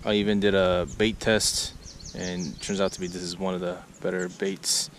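At normal speed and with a low pitch, a middle-aged man hosts a casual lakeside fishing vlog in a Southern Californian accent. Relaxed and talkative, he gets excited whenever he lands a catch; the action-cam audio carries clear outdoor background noise.

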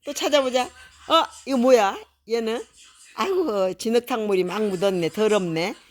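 A woman's voice: a little high, moderate pace, slight background noise. An older woman, a grandmother, reading a picture book aloud to a small child in a playful, coaxing way, imitating animal sounds.

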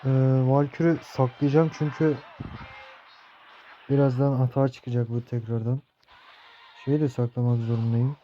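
Profane young gamer with a dull, lo-fi sound. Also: male voice, mid-range voice, normal speed, pauses often, slight background noise. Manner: profane, excitable outbursts while playing. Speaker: mobile gaming youtuber. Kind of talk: gameplay commentary.

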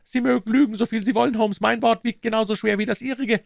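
Brief: vengeful male villain, shrill and furious, audiobook. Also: expressive, moderate pace, gravelly, dry recording, full character voice. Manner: furious, indignant.

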